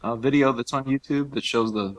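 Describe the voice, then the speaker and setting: A man's voice: mid-range voice, a little fast. Hesitant man with a mid-range voice. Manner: hesitant, with many fillers. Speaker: game artist. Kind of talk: casual commentary.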